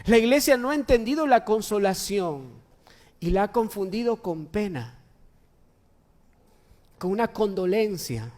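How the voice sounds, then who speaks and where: A high-pitched man preaches a sermon from a church pulpit. He presses his points hard, repeating phrases and firing rhetorical questions at the congregation. His voice rings out with a long, echoing hall reverb. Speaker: pastor. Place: church sanctuary.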